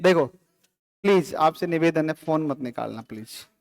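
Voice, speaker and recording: High-voiced teacher quizzing a class. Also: male voice, lively intonation, gravelly. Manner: quizzing students with quick questions and answers; casual, joking with the class. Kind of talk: live classroom lecture.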